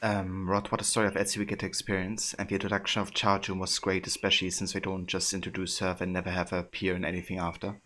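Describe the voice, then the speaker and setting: A young man chatting casually and haltingly as he livestreams a game and answers his viewers. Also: deep voice, completely flat delivery, bright, forceful tone. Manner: hesitant, pausing, reads chat aloud. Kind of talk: casual game-stream chat.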